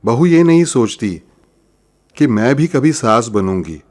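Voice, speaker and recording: A man's voice: mid-range voice, expressive, unhurried, a little mellow. A man, a spiritual teacher, giving a religious discourse in an explanatory, storytelling way, often asking and answering his own questions.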